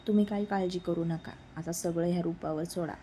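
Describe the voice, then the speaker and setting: Woman doing a cheeky younger sister, teasing and playful, warm low voice. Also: steady tone, brisk, a little hiss or hum, close to an everyday voice.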